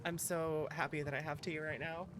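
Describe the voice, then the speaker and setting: During a livestream, a chatty, playful VTuber talks to viewers and reads the game's lines aloud at normal speed, her mid-range voice delivered flatly. Game music sits behind her, and heavy background noise fills the recording.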